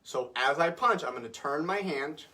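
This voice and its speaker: A man's voice: on the high side, animated, normal speed. A young man teaching a martial arts class to camera from an office, upbeat and coaching, a little out of breath. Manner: upbeat, coaching, counts out loud and shouts "ha" on punches. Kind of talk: guided workout class to camera. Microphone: camera facing him.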